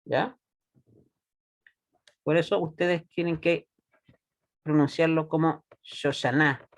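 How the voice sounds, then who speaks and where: A man teaching a Hebrew class, patient and deliberate, often checking that students follow. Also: fairly high pitch, flat delivery. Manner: patient, checks understanding with frequent "¿ya?"; slow and deliberate, repeats words for students. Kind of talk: classroom lesson.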